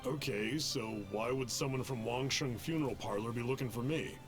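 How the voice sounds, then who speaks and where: A man's voice: mid-range voice, normal speed, close to an everyday voice. A man playing a busy, irritable townsman in a video game, curt and dismissive. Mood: wary. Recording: game music under the voice.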